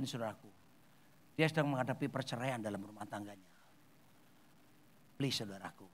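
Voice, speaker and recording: A male pastor preaching a sermon in a church, shifting between loud exclamations and soft, quiet asides. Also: mid-range voice. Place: church hall.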